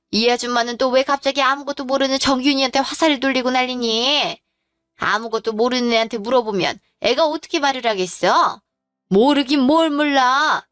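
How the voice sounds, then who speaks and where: A scornful middle-aged future mother-in-law, voiced by a woman talks down with a sneer in an audio drama. The voice sits fairly high. It is recorded close and dry, with music playing softly underneath. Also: clear, resonant tone, no echo. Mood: indignant. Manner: sneering, condescending scolding.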